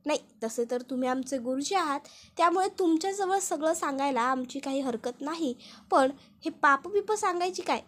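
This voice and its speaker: A boastful, ruthless older man who brags and sounds suspicious, read out by a woman narrator. The voice stays high-pitched throughout, like a recap reader's own. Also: animated, moderate pace, a bit bright.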